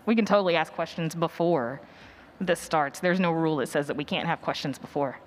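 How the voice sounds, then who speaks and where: This woman's voice sits low and moves briskly as she banters casually with the audience ahead of her workshop. Recorded on stage at a live conference, the clip has noticeable background noise and the feel of a live event.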